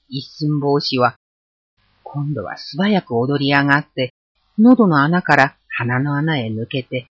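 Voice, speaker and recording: A storyteller reading a folk tale aloud with an expressive, varied delivery. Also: mid-range voice, slightly rough, no echo. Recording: dull lo-fi recording.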